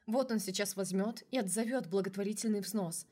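A woman's voice: mid-range voice, fairly quick, dark tone. A woman narrating a first-person novel as an audiobook, reading with strong emotion.

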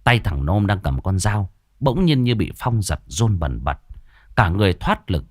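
A man's voice: on the low side, sing-song, moderate pace, darkish tone, no echo, studio quality. Dramatic male ghost-story narrator. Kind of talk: scripted horror narration.

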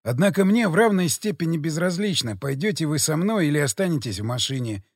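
Brief: male reader doing a composed foreign commander, icy courtesy, lively pitch, dry booth sound. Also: slightly rough, dry recording. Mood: calm, cool. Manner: precise, measured, politely venomous. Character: calm, coldly sarcastic foreign man, expedition leader.

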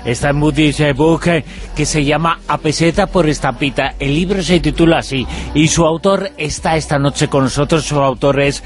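A man's voice: fairly high pitch, normal speed, soft background music. A man with a Spanish accent from Spain, hosting a radio interview in a discursive way with frequent fillers. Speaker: radio host.

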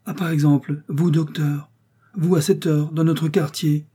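A man voicing an excitable, warm-hearted Parisian working man who talks eagerly and apologizes a lot, in an audiobook. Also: medium pitch, moderate pace, breathy edge, lightly acted. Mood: astonished. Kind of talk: audiobook character voice.

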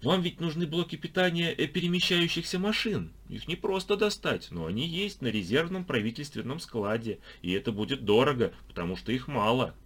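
A man's voice: mid-range voice, expressive, fairly quick, hardly any pauses, fairly bright tone, slightly rough, voice pushed up. A man voicing a naive, blissful young woman who guides strangers in an audiobook, speaking in a sweet sing-song manner. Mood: sweetly. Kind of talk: audiobook character voice.

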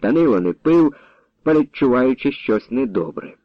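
A man narrating a story in an expressive, animated reading style. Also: mid-range voice, normal speed, no echo. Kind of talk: audiobook narration. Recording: dull lo-fi dry audio.

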